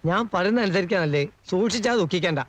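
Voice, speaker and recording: A fussy middle-aged hanger-on from an old film comedy, talking. He is excitable, gossipy and full of his own importance. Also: high voice, quick pace, no room sound, rough recording. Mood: alarmed.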